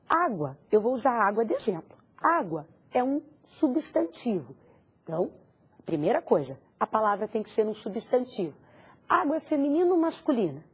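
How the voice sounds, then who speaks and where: Very husky woman teacher, lively. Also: fairly high pitch. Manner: asks the student questions and answers them herself. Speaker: Spanish teacher. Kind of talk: recorded language lesson.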